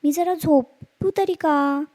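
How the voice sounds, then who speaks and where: A woman voicing a proud male hare who mocks the tortoise in a slow, drawn-out taunt. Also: sits high, fairly even intonation, dark tone.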